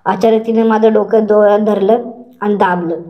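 A woman narrating an adult story in the first person, slow and repetitive, saying words over and over. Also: medium pitch, steady tone, muffled recording.

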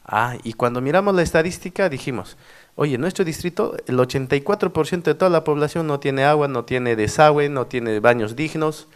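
Speaking fairly quickly in a smooth voice on the high side, this former mayor from Peru's Cusco region tells lively stories during a workshop talk. The middle-aged man habitually closes his sentences with a tag question.

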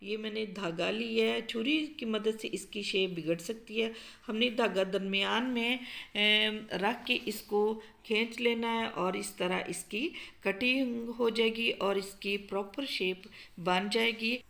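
Gravelly-voiced woman explaining a recipe. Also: medium pitch, slow pace. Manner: calm, explanatory, with frequent um fillers. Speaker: cooking show host. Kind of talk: step-by-step cooking instructions. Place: home kitchen.

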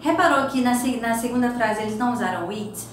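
A woman's voice: on the high side, quick pace. A woman from Brazil with a Brazilian accent, teaching an English lesson. She explains patiently, repeating phrases and translating them. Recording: very echoey room with faint noise.

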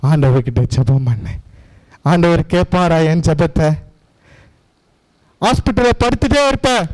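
High, smooth-voiced Tamil pastor testifying. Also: male voice, a little mellow, poor audio. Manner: earnest, pleading, repetitive preaching cadence. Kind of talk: personal testimony sermon.

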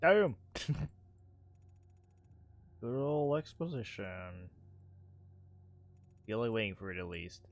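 A man's voice: lowish voice, big pitch swings, slow, pauses often. A man streaming a game, chatting casually and reacting with curses and laughs. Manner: swears and laughs while reacting. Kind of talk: casual gameplay commentary. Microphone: headset with closed headphones.

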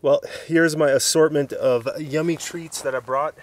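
A man in his thirties from Southern California, with a fairly high voice and fairly even intonation, speaks at a normal speed. He's a hiking vlogger talking casually to a handheld camera held at arm's length on a mountain summit, worn out after a hard climb, chatty and laughing often.

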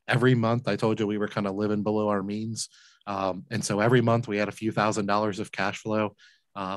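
A fairly low-pitched man speaks with no room sound. He's in his forties, a business owner who runs a laundromat, and he's telling his story as a guest on a video call interview in an earnest, emphatic way, repeating words when he's moved. He's indoors in a room at home, with headphones and a large desk mic.

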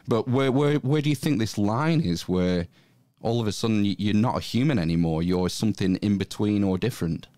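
A man hosts a podcast conversation in a fairly low voice. The sound is dry and close. He asks his guest questions in a relaxed, casual manner. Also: fairly quick, no room sound. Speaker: podcast host.

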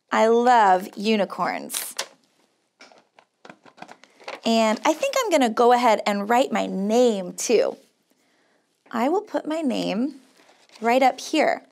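A little slow, with lively intonation and some vocal fry, an American woman with a high voice guides young children through a craft in a small indoor studio set. Her upbeat, encouraging camp-counselor manner comes with simple explanations of each step and sing-song praise.

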